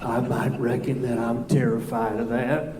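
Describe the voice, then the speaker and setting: Earnest deadpan buddy played by a man, unhurried, love-shy, improv sketch in an echoing hall. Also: medium pitch, background noise, close to an everyday voice. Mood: folksy, nervous. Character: slow, earnest best friend, love-shy male sidekick. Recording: echoey hall.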